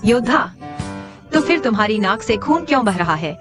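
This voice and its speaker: A woman's voice: a little high, big pitch swings, moderate pace. A woman voicing a blunt, defiant young heroine. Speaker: poor young heroine in a drama. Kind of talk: Hindi dubbed TV drama. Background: drama score music.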